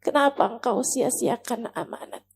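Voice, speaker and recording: A woman's voice: on the high side, expressive, normal speed, creaky, husky, voice pushed down, full character voice. A woman voicing a five-year-old girl who pleads desperately while crying, in a sermon story. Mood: pleading.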